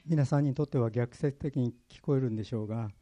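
Earnest and personal, a Kyushu pastor tells his own stories in a sermon. He speaks at a quick pace in a warm, medium-pitched voice, and the audio sounds dull.

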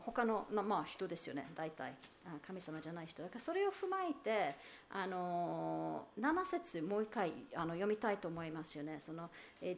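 Woman preacher, sermon, halting delivery, lots of fillers, middle pitch, faint background hum. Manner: halting, with many fillers and restarts; explains patiently, asking the audience questions. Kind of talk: sermon on a psalm.

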